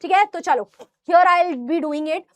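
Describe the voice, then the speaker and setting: Female maths teacher, North Indian accent, high-pitched, direct and emphatic classroom-style explaining, dry recording. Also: racing, no room sound. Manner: emphatic, addresses students directly. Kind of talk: explanatory lesson with rhetorical questions.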